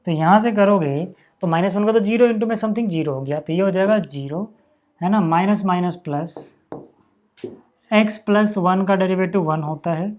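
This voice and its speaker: A man's voice: high voice, moderate pace, a little mellow. Chatty man teaching a math lesson. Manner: chatty, keeps checking in with "है ना" and "यार"; talks to students as "भैया" and "भाई". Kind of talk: casual step-by-step math lesson.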